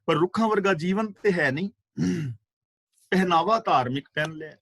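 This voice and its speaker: A man giving a scripture class, reciting verses slowly and explaining their pronunciation and meaning, with fervent rhetorical questions. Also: high-pitched, fairly bright tone, no echo. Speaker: katha preacher. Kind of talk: scripture exposition.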